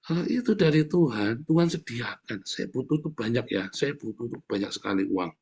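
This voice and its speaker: A man with a medium-pitched, breathy-edged voice preaches an informal sermon at normal speed. He's animated and jokey, laughing often in asides as he addresses the congregation as "saudara."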